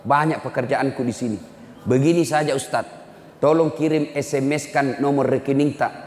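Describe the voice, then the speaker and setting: A preacher playing a cold, offhand rich son. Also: male voice, medium pitch, fairly even intonation, moderate pace, darkish tone, lightly acted. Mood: dismissive. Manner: offhand, dismissive. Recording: echoey hall with long reverb.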